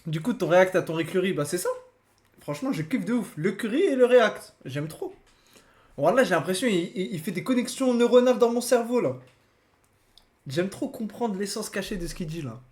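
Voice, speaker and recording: A man's voice: high-pitched, animated, moderate pace, a little mellow. Slangy young man streaming. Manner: slangy, laughing, repeats himself. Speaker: streamer reacting to a video. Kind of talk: casual live-stream reaction.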